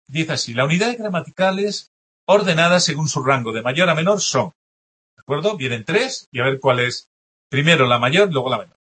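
Male teacher, husky, a bit high; patient classroom explainer. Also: fairly bright tone. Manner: explanatory, checks in often with the class. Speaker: language teacher. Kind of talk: classroom lecture going over test answers.

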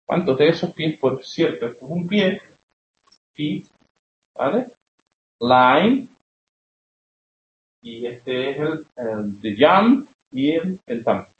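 A man's voice: a little high, expressive, slow pace, pauses often. A young man, teaching a poetry class and often checking that students follow. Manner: explanatory, keeps checking with questions. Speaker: literature teacher. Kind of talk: classroom lecture. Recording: roomy, dull classroom recording.

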